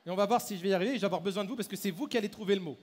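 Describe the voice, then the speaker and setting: A man performing a live mind-reading act, briskly directing the audience and volunteers on stage through a handheld microphone. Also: sits high, a little mellow. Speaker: stage mentalist. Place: large hall at a fair. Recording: echoey hall, faint crowd ambience.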